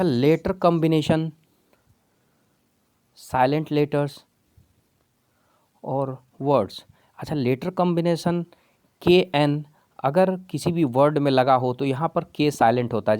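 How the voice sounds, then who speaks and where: A man's voice: medium pitch, a little mellow, dry recording. A man teaching spelling rules patiently, step by step, calling his viewers friends. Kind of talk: explaining a lesson in Hindi.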